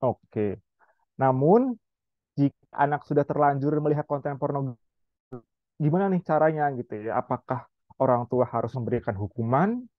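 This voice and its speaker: A man explaining child development to parents in a calm, patient lecture, now and then acting out gentle lines a parent might say to a child. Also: mid-range voice, moderate pace, long pauses, no echo, dull audio. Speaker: child psychology educator.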